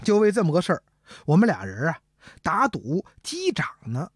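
A woman telling a traditional comic story, animated and speaking straight to her audience. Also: fairly low pitch, normal speed, slightly rough, no room sound, studio quality. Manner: animated, addresses the audience directly.

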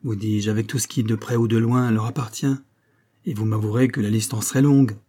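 Man voicing a self-assured, teasing young wife in a storybook; warm, husky tone, brisk and a little mocking. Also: lowish voice, steady tone, lightly acted.

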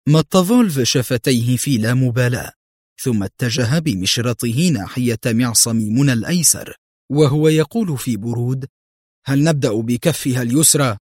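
A man's voice: mid-range voice, lively intonation, normal speed, a little mellow, no room sound, studio quality. Man narrating a dramatic story.

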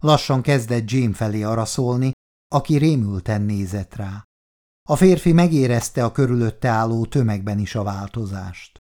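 A man narrating an audiobook in a steady, measured reading voice. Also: medium pitch. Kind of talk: scripted narration.

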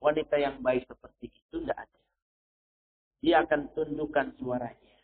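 Over a tinny, phone-like recording, a male preacher delivers a sermon, quoting Arabic verses and driving points home with a repeated "ya." His voice is a little high and steady, at a normal speed.

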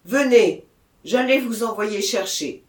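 A reader voicing a worried village mayor who coaxes a confession gently, in a storybook reading with a roomy echo. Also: medium pitch, big pitch swings, a little slow. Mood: coaxing. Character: kindly, worried village mayor, older man.

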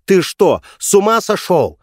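A man's voice: fairly high pitch, fairly even intonation, normal speed, no room sound, clean studio sound, pitched above the performer's own voice, natural voice. A man voicing a hysterical, vengeful grieving woman who shrieks furious accusations in an audiobook. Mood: demanding. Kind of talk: audiobook character voice.

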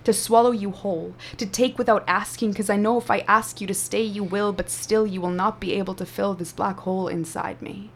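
A spoken word poet and teacher whose first language is Afrikaans performs a poem slowly and dramatically, then chats about her craft. Her voice sits at a medium pitch and holds a steady tone.

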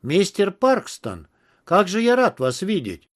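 Man doing a brash bull-man detective, mocking, jovial, lively voice, audiobook. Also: sits high, normal speed. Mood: teasing. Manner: jovial, teasing, then weary.

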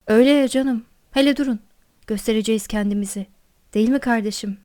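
A woman's voice: fairly high pitch, fast talker, mellow, no echo, clean studio sound, natural voice. A woman voicing a jovial, talkative older male postmaster who speaks in a hearty, coaxing, familiar way.

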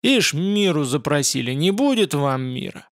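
A man reading as a loud rabble-rousing crowd leader. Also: a little high, sing-song, moderate pace, no echo, studio quality. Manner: shouting, fiery.

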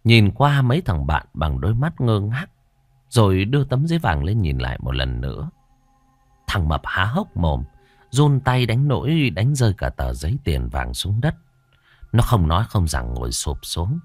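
A man narrating a ghost story with a lively, expressive delivery. His pitch moves widely as he tells it. The recording is close and dry. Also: moderate pace, no echo.

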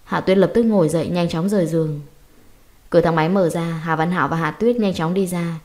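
A woman narrates a dramatic audiobook in a steady, earnest reading voice. Her pitch sits on the low side. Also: brisk.

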